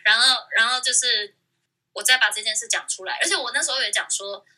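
A woman's voice: fairly high pitch, brisk, bright, forceful tone. A woman co-hosting a casual podcast chat, telling a story with animation and acting out quoted lines, in muffled audio re-recorded from a speaker. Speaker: podcast co-host.

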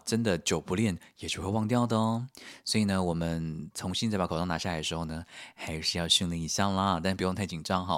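A podcast host with a Taiwanese Mandarin accent tells a travel story in a lively, self-mocking way. His voice sits a little low for a man. He chats casually and directly to his listeners. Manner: animated, self-mocking, often laughing.

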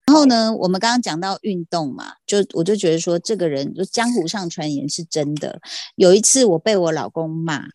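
A middle-aged woman, hosting a podcast and telling stories in a lively way, acting out other people's lines. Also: lowish voice, brisk, no echo, clean studio sound. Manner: animated, mimics others in quotes. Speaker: podcast host. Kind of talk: casual chat, storytelling.

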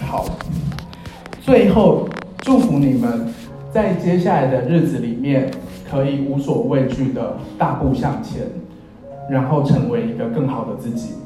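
A man's voice: medium pitch, measured pace, warm tone. A man in his thirties with a Taiwanese accent, giving a wedding speech as officiant with wry, self-deprecating humour. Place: in a church, speaking to guests. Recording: very echoey church hall, music behind.

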